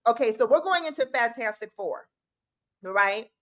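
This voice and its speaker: Excitable woman co-hosting a fan podcast. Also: fairly high pitch, normal speed. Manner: excitable, talks in bursts with restarts. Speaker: co-host. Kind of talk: casual fan chat on a podcast.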